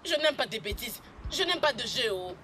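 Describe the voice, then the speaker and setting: A woman's voice: a little high, very animated, normal speed. A woman dubbing a mother who comforts and scolds her crying daughter in French, in an insistent manner, over background noise. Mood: soothing. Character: middle-aged mother soothing her daughter. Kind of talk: French film dub.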